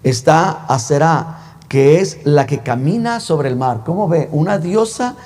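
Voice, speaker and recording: A male pastor preaches in a chatty, teasing manner, peppering the congregation with rhetorical questions. His voice sits fairly high, and a long reverb from the church sanctuary trails every phrase. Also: animated, a little slow, darkish tone. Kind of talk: sermon.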